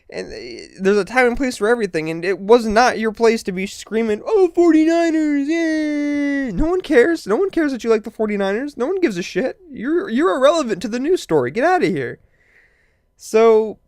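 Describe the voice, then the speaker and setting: A blunt online commentator giving casual opinions in a mid-pitched voice. The sound is dry, and the delivery is profane and conversational, with animated asides. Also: no echo.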